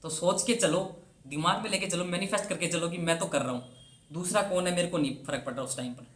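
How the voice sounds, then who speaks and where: Speaking fast in a high, fairly bright voice, a young banking exam coach urges exam aspirants on in a chatty, heartfelt talk. He mixes in English words and keeps restating his advice to press the point, and the room gives off a noticeable echo.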